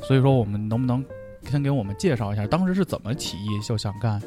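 Quick man bantering over music. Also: medium pitch, expressive. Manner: joking, colloquial. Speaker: interviewer, host. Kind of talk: casual bantering chat. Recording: music clearly behind voice.

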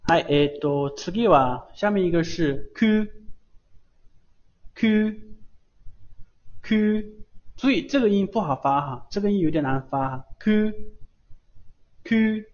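A man's voice: on the high side, lively intonation, fairly quick. A man teaching Japanese syllables in a live online lesson, patiently repeating each sound over and over. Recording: dull lo-fi stream audio.

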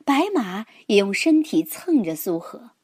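A woman narrating a children's story in a gentle, expressive, dramatic way. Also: medium pitch, a little slow, slightly rough, no echo, studio quality.

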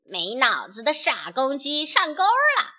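A snickering storybook weasel, sly and hungry, jeering at the chickens in a bright, swooping voice, as a mom reading aloud puts him on. he talks down to everyone with a nasty little laugh. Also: extremely high pitch, huge pitch swings, slow pace, pitched above the performer's own voice, heavily acted. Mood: gloating. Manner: sneering, snickering.

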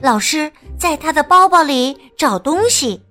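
这是一段睡前绘本朗读：讲故事的女士嗓音较高，语调起伏生动，轻柔地用唱歌般的腔调把字拖长。背后能听到淡淡的音乐。

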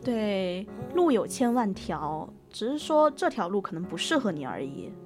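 A woman's voice: medium pitch, sing-song, moderate pace. A young woman co-hosting a casual chat stream, bantering and teasing her partner. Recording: clear music in the background.

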